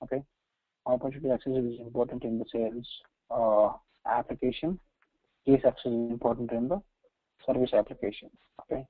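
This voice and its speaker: With fairly even intonation and a mid-range voice, an Indian-accented man teaches software on a screen share, explaining each step. His delivery halts and repeats itself, punctuated by tag questions like "right" and "okay," captured in slightly dull lo-fi sound with roomy echo.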